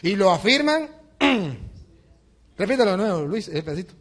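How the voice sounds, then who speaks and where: A man's voice: sits high, normal speed. A male priest preaching a sermon, telling a humorous story with laughter and imitating the people in it. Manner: animated, laughing, mimics others in anecdotes.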